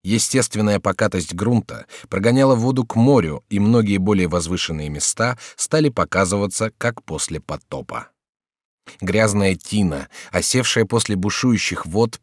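Measured man narrating an audiobook. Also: fairly low pitch, no echo, studio quality. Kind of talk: scripted narration. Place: recording studio.

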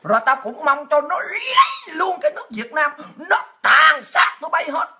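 Loud, mocking woman. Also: high-pitched, expressive, moderate pace, vocal fry. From Vietnam. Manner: shouting, mocking, with crude insults and laughs. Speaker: political commentator. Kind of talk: ranting livestream monologue.

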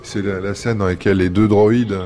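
A man's voice: on the low side, steady tone, moderate pace, warm tone. A man explaining film sound effects in an interview, hesitant and stumbling.

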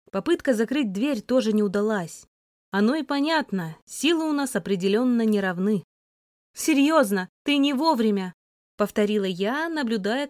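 A woman narrating a first-person novel as an audiobook, lively and voicing the heroine's sharp retorts. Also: mid-range voice, no echo, studio quality.

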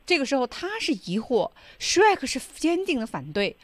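A woman's voice: high-pitched, sing-song, moderate pace, crowd noise. A woman hosting a radio English lesson, prompting the teacher with questions and cueing listeners. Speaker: radio host.

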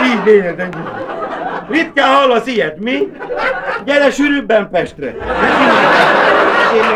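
A man performing a live cabaret monologue as a boastful, rambling male asylum inmate who keeps buttonholing his listener. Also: high voice. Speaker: cabaret comedian. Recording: hissy old cassette of a live show with loud audience laughter.

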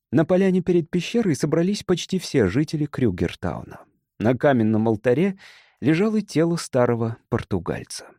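A man's voice: medium pitch, warm tone, no room sound, studio quality. Man narrating a tense adventure story. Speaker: audiobook narrator. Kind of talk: scripted narration.

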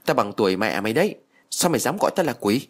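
A man's voice: sing-song, quick pace. A man voicing a spiteful, foul-mouthed old village woman who curses and wails. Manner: shrill, cursing, wailing.

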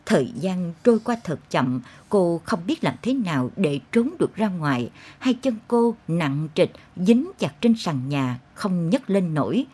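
Husky woman reading a dark story. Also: fairly low pitch, big pitch swings, a little slow, hardly any pauses. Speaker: narrator. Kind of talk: dramatic audiobook narration.

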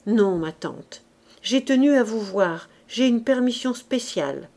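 A woman's voice: on the high side, expressive, measured pace, vocal fry, darkish tone. Woman doing a jaunty young lieutenant. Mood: breezy. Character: breezy young army lieutenant, dashing nephew.

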